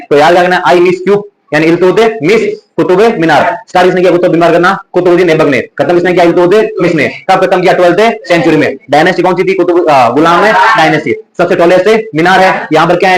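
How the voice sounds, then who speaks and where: Man, Rajasthani accent, young adult, teacher, exam revision lesson, repetitive question-and-answer drilling, rapid, slightly high voice. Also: low-quality recording. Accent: Rajasthani Hindi. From Rajasthan, India. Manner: chatty storytelling asides.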